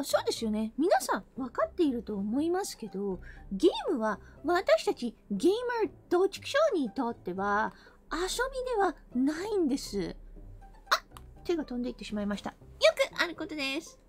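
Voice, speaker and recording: A woman from the American South giving a casual live-streamed English lesson, playful and breaking into mock-angry rough slang. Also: high voice, wildly swooping pitch, moderate pace.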